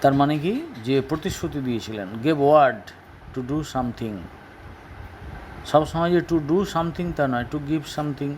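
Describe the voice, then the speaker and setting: A man with a Bengali accent teaching an English lesson, explaining each word slowly and spelling out syllables. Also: fairly high pitch, darkish tone, slight background noise, poor audio. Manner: slow, deliberate, spells out words and syllables.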